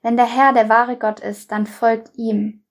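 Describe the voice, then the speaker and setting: A woman voicing a stern male prophet who proclaims to a crowd, read slowly and solemnly in a Bible reading. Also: fairly high pitch, little pitch movement.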